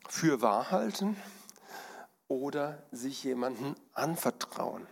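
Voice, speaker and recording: Slow, calm preacher in a reverberant hall. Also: male voice, medium pitch, creaky, slightly rough. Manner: calm, explanatory, with frequent fillers. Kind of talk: sermon with slides.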